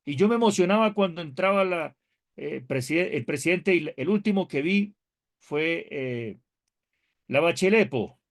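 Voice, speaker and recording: A pastor lectures a seminary theology class in an animated, conversational way, quizzing his students, cracking jokes, and reading scripture aloud with emphatic rises. His voice leans high and his pace is measured.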